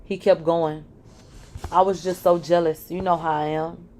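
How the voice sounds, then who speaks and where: A woman's voice: lowish voice, little pitch movement, measured pace, darkish tone, slight background noise. A woman reading a dramatic first-person story aloud, emotional and blunt, with swearing. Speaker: narrator.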